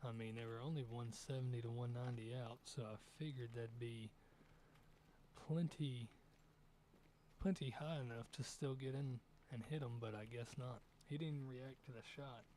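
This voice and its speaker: A young man talks his way through a hunting game in a loose, rambling stream commentary. His voice sits at a middling pitch, and he muses aloud, puzzling over each missed shot. A faint hum of noise runs underneath. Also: steady tone, normal speed, dark tone. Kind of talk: casual gameplay commentary.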